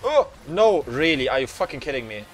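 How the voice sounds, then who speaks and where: A man streaming a game on a headset mic, reacting with excitable swearing and laughter. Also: mid-range voice, fairly quick, poor audio. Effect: livestream headset mic audio. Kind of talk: live gameplay commentary. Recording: streamed voice with game music behind. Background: game music.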